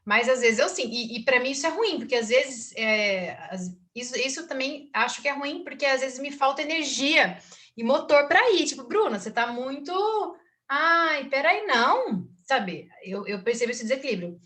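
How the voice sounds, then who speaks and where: A woman's voice: sits high, expressive, moderate pace, a bit bright. A woman hosting a casual book group talk, chatty and acting out her own inner voice. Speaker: book circle host and teacher.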